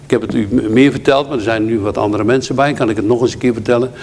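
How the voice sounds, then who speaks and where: A man's voice: mid-range voice, steady tone, quick pace, a little mellow, slight background noise. A man preaching a sermon, earnest, quoting scripture and hymn verses and telling a pastoral story. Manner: earnest, quotes scripture and hymns.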